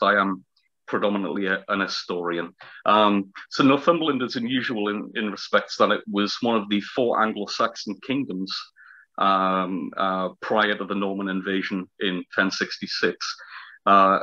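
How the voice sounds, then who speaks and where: An interview guest of about fifty from Northumberland in north-east England teaches historical fencing and speaks with a heavy local accent and long vowels. His voice is on the low side and sharp, at normal speed, and he explains things hesitantly, searching for words. He's on a video call from a small room at home, at webcam distance, and the audio is slightly dull.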